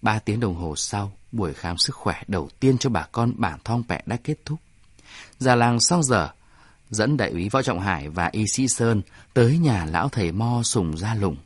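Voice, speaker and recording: A man reading a story aloud in a measured storytelling manner. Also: fairly low pitch, lively intonation, breathy edge, no echo. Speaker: narrator. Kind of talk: scripted story narration.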